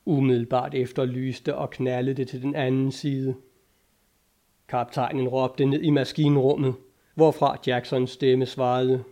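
Man, audiobook narration, mellow dark timbre, measured, dramatic. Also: mid-range voice, little pitch movement.

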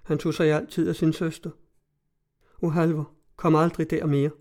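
A man voicing a distraught, confused young woman in an audiobook, speaking in a soft, pleading, anxious way. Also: fairly high pitch, little pitch movement, lightly acted. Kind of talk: audiobook reading.

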